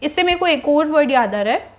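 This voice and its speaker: A woman teaching English words and their pronunciation, mixing in Hindi, spelling out each word slowly and calling viewers friends. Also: sits high, animated. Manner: slow, deliberate over each English word. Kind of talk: Hinglish vocabulary lesson.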